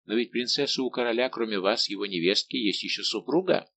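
A man's voice: medium pitch, fairly quick, gravelly, fairly bright tone. A man reading an audiobook, voicing a devoted young nobleman count who speaks with respectful firmness. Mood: earnest.

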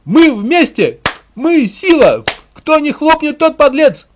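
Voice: high voice, big pitch swings, takes it slowly, noisy background, voice pushed up, heavily acted. A reader doing a shrieking male rabble-rouser. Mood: shrieking, fanatical. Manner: shrieking rhythmic chants. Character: hysterical male village propagandist, shrieking.

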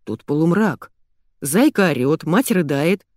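Brief: young man making excuses read by a woman, animated. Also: low-pitched, unhurried, no room sound, studio quality. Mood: defensive. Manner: justifying himself.

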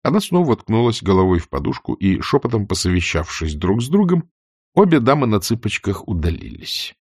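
Expressive male narrator, theatrical classic-novel reading, dry booth. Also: lowish voice, fairly quick, breathy edge, no echo. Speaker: audiobook narrator. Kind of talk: scripted narration.

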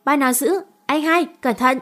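A woman's voice: high voice, a little slow, fairly bright tone, pitched above the performer's own voice. A woman reading the lines of a spirited, brash young woman who turns flustered and apologetic. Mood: urgent.

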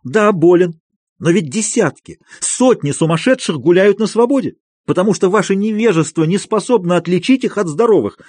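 Man doing an enraged madman in an audiobook, shrill and shouting. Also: animated, moderate pace, no room sound. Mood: indignant. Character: furious agitated male asylum patient. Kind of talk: audiobook character reading.

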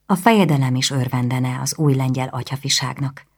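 A woman voicing a commanding nobleman who gives orders in a formal, old-fashioned way. The voice sits very low with a gravelly edge. It is an audiobook reading. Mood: urgent. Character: stern departing male lord, older nobleman.

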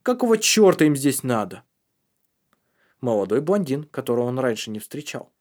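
A man's voice: medium pitch, big pitch swings, moderate pace, darkish tone. Man narrating a tense audiobook. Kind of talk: scripted narration.

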